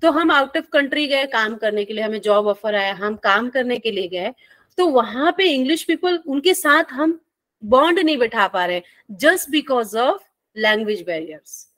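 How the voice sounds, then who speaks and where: A woman teacher lectures in a friendly, playful way and keeps checking in with her students. Her voice sits a little high, and she. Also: expressive, slow pace, a bit bright, no room sound. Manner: friendly, playful teaching with call-and-response questions. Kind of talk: classroom lecture.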